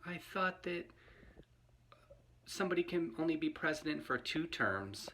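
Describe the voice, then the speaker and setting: A man putting on the voice of an anxious little boy in bed, asking his mother questions in a hushed, high whisper. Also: very animated, measured pace, a little hiss or hum, exaggerated voice. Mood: worried.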